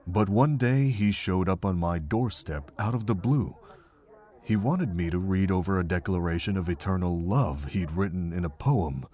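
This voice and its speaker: In a fan visual novel drama, a man plays a gentle, regretful middle-aged monk who serves as a mentor, speaking in a measured, reflective manner. His voice is low-pitched, and his mood is wry and reminiscent.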